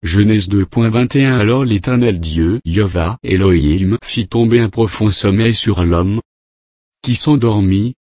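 A man preaches in a slow, deliberate cadence, reading verse after verse. His voice sits fairly low and the recording is dry and close, with no room around it. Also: dry recording. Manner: slow, measured, repeats divine names in a steady cadence. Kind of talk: slow Bible-study sermon reading scripture.

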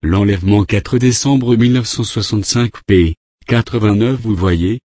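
A man preaching a sermon, reading scripture verses and quotes aloud in a measured, deliberate way. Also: on the low side, dark tone.

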